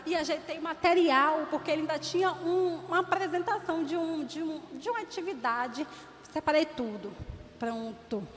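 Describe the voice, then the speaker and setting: High-voiced woman preaching. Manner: animated storytelling, acting out dialogue. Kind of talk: sermon. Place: church hall. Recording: reverberant church hall, faint noise.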